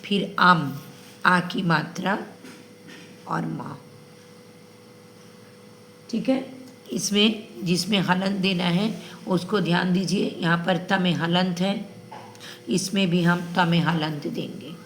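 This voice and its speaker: A woman's voice: fairly low pitch, steady tone, slow pace, creaky, pauses often, slight background noise. A woman teaching Sanskrit grammar to children, patiently repeating each ending so they can memorize it.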